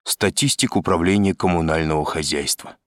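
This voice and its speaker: A man's voice: low-pitched, moderate pace, no room sound, clean studio sound, lightly acted. A man reading an insolent male detainee. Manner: insolent, smirking answers. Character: brazen, nervous male detainee. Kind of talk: audiobook reading.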